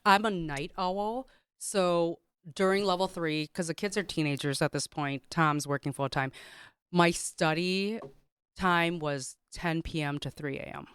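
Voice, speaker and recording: A woman and guest on a podcast, telling a personal story in an animated way with many fillers and restarts. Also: on the low side, unhurried, clear, resonant tone, dry recording, clean studio sound. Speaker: guest, caterer.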